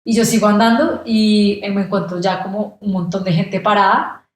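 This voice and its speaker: A woman's voice: mid-range voice, normal speed. A young Colombian woman, a podcast guest, telling a travel story in casual conversation and acting out the voices of people she met. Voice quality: animated, acts out quoted voices. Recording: very echoey room.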